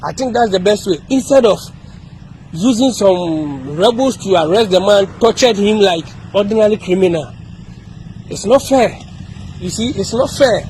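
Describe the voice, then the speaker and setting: Ghanaian man, impassioned video message, repeats himself, high voice, faint street noise. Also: lively intonation, moderate pace, darkish tone, rough recording. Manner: repetitive, emphatic, with many restarts. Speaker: activist speaking to camera.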